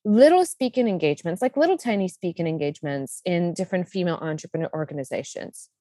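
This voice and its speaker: Fast and animated, this Czech-accented woman in her thirties has a lowish, dark voice. She's a business coach from the Czech Republic telling her story as a guest in a casual interview, talkative and enthusiastic with many fillers. No room sound is audible.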